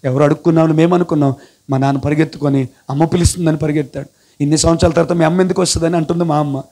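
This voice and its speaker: A young man from India gives an impassioned testimony sermon, breaking in often with repeated hallelujahs. His voice is on the high side and warm, with fairly even intonation, and he speaks very fast.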